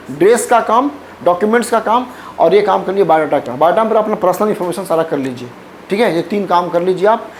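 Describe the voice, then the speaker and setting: Exam coach, mid-pitch, chatty persuasive pitch to students, faint background hiss. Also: a little mellow. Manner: chatty and persuasive, repeats points and adds "okay?" often. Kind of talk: casual spoken announcement to students.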